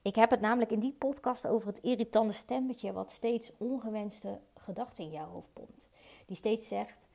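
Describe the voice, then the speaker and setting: A woman's voice: a little high, normal speed, vocal fry, hardly any pauses, a little mellow. A woman hosting her own podcast, talking earnestly and personally about emotions, with fillers and repeated words. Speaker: podcast host. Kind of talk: reflective solo podcast talk. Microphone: podcast mic.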